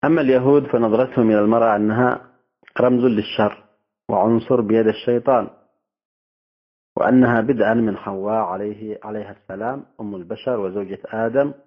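A man giving a formal religious lecture to an audience, speaking in measured phrases with pauses. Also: fairly low pitch, steady tone. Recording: tinny phone-like audio.

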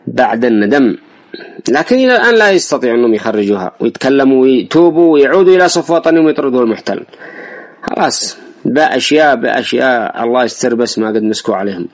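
A man's voice: medium pitch, animated, fast talker, long pauses. A man with a Yemeni accent reading an interview aloud and commenting on it as a political commentator, in an insistent, emphatic manner and speaking straight to his listeners. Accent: Yemeni Arabic.

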